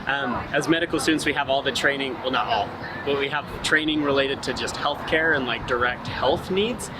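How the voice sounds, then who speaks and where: A man's voice: medium pitch, a little fast. A young man, a medical student, talking casually and reflectively in an interview clip. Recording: noisy background.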